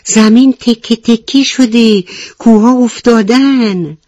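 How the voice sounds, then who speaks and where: A woman's voice: deep voice, expressive, a little mellow, dry recording. A woman voicing a timid, jumpy little rabbit who panics easily and talks in frightened pleading. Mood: panicked.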